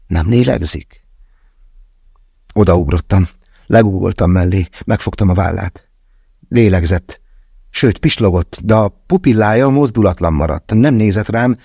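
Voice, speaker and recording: A man narrating a first-person thriller audiobook in a measured, tense way with slow, deliberate pauses. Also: sits low, vocal fry, dark tone, slightly rough, no echo, studio quality.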